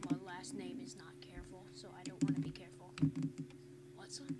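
A woman's voice: fairly low pitch, completely flat delivery, fairly quick. A female co-commentator doing casual let's-play commentary with goofy, joking banter. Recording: loud background noise with keyboard typing.

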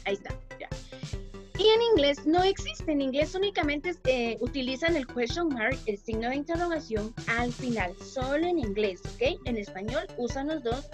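A bilingual schoolteacher leads an online class for young children with a high, bright voice and a patient, gentle way of explaining. Children's music plays clearly in the background of the call. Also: female voice, lively intonation, moderate pace. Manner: patient, switches between English and Spanish, calls pupils "mi amor". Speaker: primary school English teacher. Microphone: video call.

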